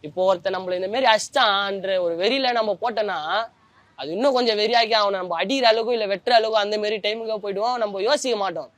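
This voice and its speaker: Young man, high, fast, candid. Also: a bit bright, dry recording. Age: young adult. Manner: colloquial, often trails off searching for words. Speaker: interviewee, former prisoner. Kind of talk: emotional personal account.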